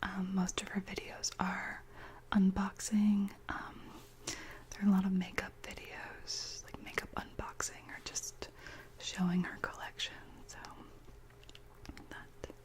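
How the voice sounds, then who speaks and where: A woman hosts a whispered ASMR chat, her voice a soft unvoiced whisper throughout. She talks slowly and evenly, with little rise and fall. Gentle pauses and soft fillers fill the gaps between her thoughts. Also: medium pitch, little pitch movement. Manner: slow, gentle, with many soft ums. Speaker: ASMR channel host.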